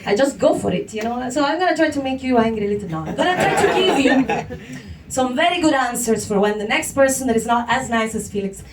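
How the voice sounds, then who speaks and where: A stand-up comedian, joking playfully with the crowd on a handheld mic in a small venue, often laughing and mocking other voices. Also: female voice, a little high, animated, fast. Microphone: handheld microphone. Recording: echoey room, far from camera, noisy.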